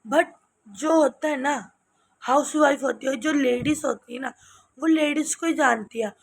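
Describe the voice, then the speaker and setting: A woman chatting casually in a home vlog, hoarse from a cold and tired late at night, in her home kitchen. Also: high-pitched, a little slow. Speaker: vlogger.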